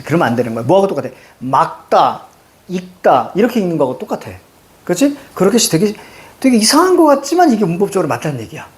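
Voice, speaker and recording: A man teaching a Korean grammar lesson, peppering his explanation with quick questions to the class. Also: sits high. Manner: lively, rhetorical questions to students, frequent "자".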